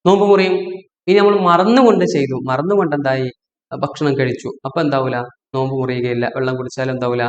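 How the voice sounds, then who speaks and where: A man's voice: mid-range voice, steady tone, fast talker. A man giving a religious instruction talk as a preacher. He asks himself rhetorical questions, answers them, and keeps reminding listeners to pay attention. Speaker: Islamic preacher. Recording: echoey, dull lo-fi audio.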